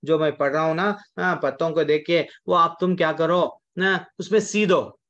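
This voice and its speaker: Sex: male. Figure: devout middle-aged poet, humble and earnest, put on by a storyteller. Pitch: somewhat high. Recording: muffled, lo-fi. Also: steady tone, moderate pace, a bit bright. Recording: dull lo-fi recording.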